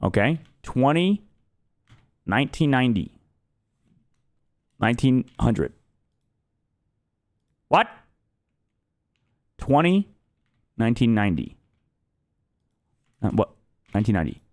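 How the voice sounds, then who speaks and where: A man streaming live, reacting out loud and swearing freely as he thinks aloud. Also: medium pitch, big pitch swings, takes it slowly, long pauses. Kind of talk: casual live-stream commentary.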